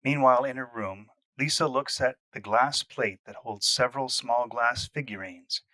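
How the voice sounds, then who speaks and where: A man reads the stage directions of a radio play in a plain, matter-of-fact way. His voice is bright and sits in a middle pitch. The recording is dry and close. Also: normal speed, no room sound, poor audio. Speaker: narrator reading stage directions. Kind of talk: scripted narration.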